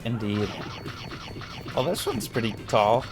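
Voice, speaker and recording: A man hosting a let's play with casual game commentary, dry and laconic with deadpan quips. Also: medium pitch, unhurried. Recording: game music playing behind.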